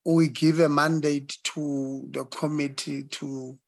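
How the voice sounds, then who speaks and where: Male committee member, measured and slow, slightly higher pitch, frequent fillers. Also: flat delivery, dry recording. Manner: halting, with many fillers. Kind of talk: formal committee debate.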